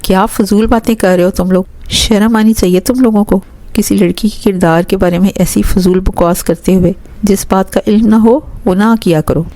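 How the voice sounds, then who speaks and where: A woman's voice: medium pitch, fairly even intonation, dark tone, lightly acted. A woman voicing a protective older aunt in a romance novel, firm and motherly. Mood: scolding.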